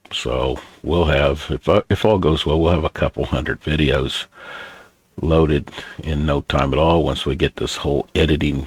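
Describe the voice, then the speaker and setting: An older man with a gravelly grandpa voice, rambling casually and bluntly as a reaction video host, halting and unhurried. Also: rumbling low, no room sound.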